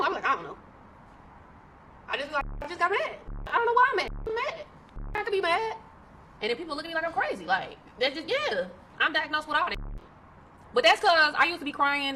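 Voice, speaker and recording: A woman streamer talking in a rambling, animated way, swearing casually. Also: on the high side, slight background noise. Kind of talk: casual livestream talk.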